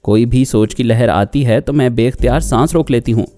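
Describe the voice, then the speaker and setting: A man's voice: medium pitch, a little fast, dark tone, faint music behind, natural voice. A man voicing a proud, jealous young woman who talks insistently and indignantly.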